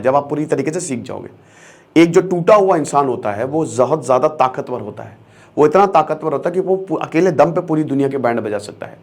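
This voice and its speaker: A young man with a fairly high voice gives an emphatic motivational lecture as an online educator. He switches between Hindi and English and repeats key phrases for stress.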